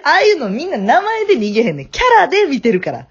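A young woman with a Kansai accent teases her friend through a casual podcast chat. Her husky voice swings widely in pitch. She calls in from her family home, and the line sounds dull and lo-fi. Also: huge pitch swings. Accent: Kansai Japanese. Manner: teasing, quick banter. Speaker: podcast co-host. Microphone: remote call. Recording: dull lo-fi audio.

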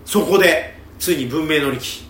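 A man hosting a casual podcast chat, telling stories in an animated, chatty way. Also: on the high side, moderate pace. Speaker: podcast host. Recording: roomy with faint background noise.

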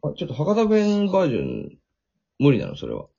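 A man hosting a radio show, talking in a playful, excitable, teasing way. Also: fairly high pitch, a little fast, gravelly, dull audio. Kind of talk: casual radio banter.

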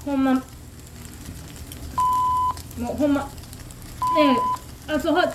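A woman's voice: high-pitched, fairly quick, very noisy. A woman with a Kansai accent, a takoyaki shop owner, telling a story in casual, exasperated chat. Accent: Kansai Japanese. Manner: animated, exasperated ranting. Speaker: takoyaki shop owner hosting a radio talk. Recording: roomy echo. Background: faint sizzle of takoyaki frying.

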